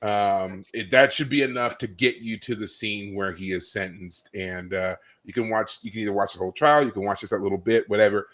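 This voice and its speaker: A man co-hosting a casual podcast chat who retells favorite scenes with mounting energy. He gets excited and punctuates his stories with loud bursts. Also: lowish voice, brisk, few pauses. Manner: animated storyteller, acts out scenes with loud exclamations. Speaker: podcast co-host. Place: live podcast recording.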